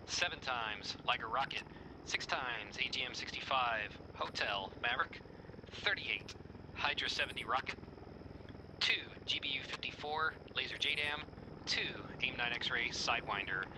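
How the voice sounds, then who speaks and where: A man's voice: medium pitch, moderate pace. A man making procedural, clipped aviation radio calls as a helicopter pilot in a military simulation game. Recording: clearly noisy vehicle background.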